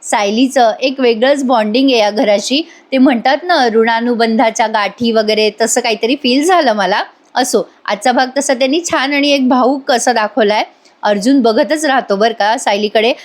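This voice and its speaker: High-voiced woman recapping a serial. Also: moderate pace. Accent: Marathi. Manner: chatty, addresses the viewers directly. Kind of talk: retelling a TV episode with voiced quotes.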